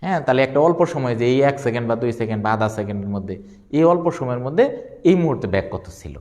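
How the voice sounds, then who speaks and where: A man, lecturing on physics, who asks questions and answers them himself and repeats key terms slowly. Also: mid-range voice, animated, a little mellow, long reverb tail. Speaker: physics teacher. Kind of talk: classroom lecture.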